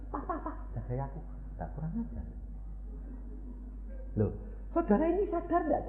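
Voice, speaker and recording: A man's voice: fairly high pitch, a little hiss or hum. A man around eighty with a Javanese accent preaching a sermon, teasing his congregation with rhetorical questions. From Central Java, Indonesia. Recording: tinny phone-like sound in an echoey hall.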